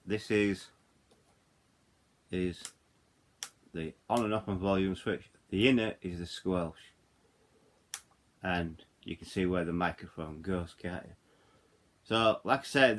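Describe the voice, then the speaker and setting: A middle-aged hobbyist radio reviewer from Yorkshire, England, with a Yorkshire English accent, talks informally through a product while handling it. His low voice is a bit bright, and he rambles, wanders off track and circles back to repeat his points.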